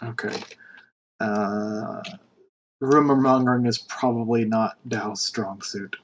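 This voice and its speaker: A man running a tabletop role-playing game as game master, describing scenes in a relaxed way with many fillers. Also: fairly low pitch, slow, a little hiss or hum.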